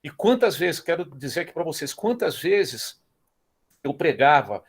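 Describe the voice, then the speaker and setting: A man's voice: on the high side, very animated, a little slow, husky. A middle-aged man with a Brazilian Portuguese accent teaching a church Bible class, emphatic and repeating his phrases. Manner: emphatic, repeats phrases, acts out quoted dialogue.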